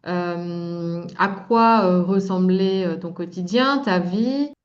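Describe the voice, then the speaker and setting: A woman interviewer asking informal questions in a halting way, piecing them together as she goes, on a lo-fi recording. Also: on the low side. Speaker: interviewer, coach. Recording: dull, lo-fi sound.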